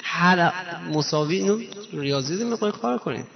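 A man with a somewhat high voice preaches a religious sermon. He is emotive and keeps turning to the listeners with rhetorical questions. His voice carries a long hall echo on a dull, muffled recording. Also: expressive, gravelly.

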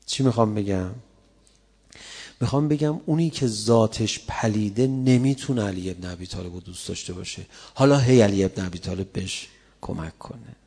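A preacher with a fairly low, breathy-edged voice gives a colloquial religious sermon. He tells stories conversationally and builds up to loud, impassioned passages.

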